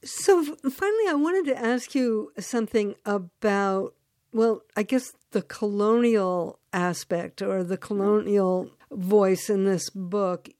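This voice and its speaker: A woman interviewing an author, asking her questions in slow, deliberate phrasing. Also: medium pitch, a little mellow, no room sound, clean studio sound.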